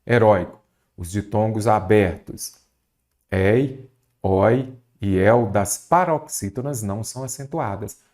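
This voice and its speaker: A man's voice: lowish voice, slow, a little mellow. A Brazilian man teaching a Portuguese grammar lesson for exam prep, asking questions and answering them himself.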